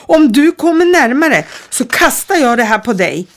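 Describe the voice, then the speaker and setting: A woman reading aloud, voicing a scared but brave young girl in an audiobook story. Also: very animated. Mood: frightened. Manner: high, pleading, urgent.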